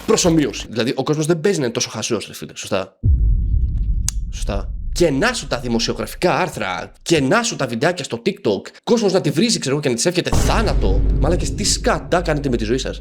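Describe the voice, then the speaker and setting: Animated sarcastic young-sounding man. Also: mid-range voice. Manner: sarcastic, slangy, mixes in English words and swearing. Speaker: YouTube commentator. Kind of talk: casual commentary monologue.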